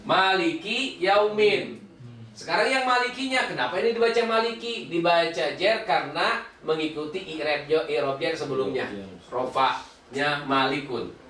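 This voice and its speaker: A man teaching Arabic grammar to a class in a relaxed, questioning way, now and then slowly chanting verses. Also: fairly high pitch, a little hiss or hum. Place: meeting room. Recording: echoey room, far from the mic.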